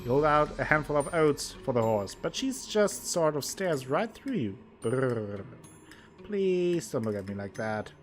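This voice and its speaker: Over music, a gameplay streamer reads the game's text aloud and jokes between lines, playfully swinging his pitch in exaggerated ways as he narrates. His voice is sing-song and a little slow.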